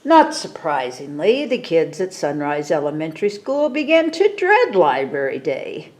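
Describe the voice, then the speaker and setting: A woman with a slightly low voice reads a children's picture book at a very unhurried pace. She is expressive and steps out of the text to explain things to young listeners. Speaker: library story time reader. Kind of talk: read-aloud of a children's picture book with asides.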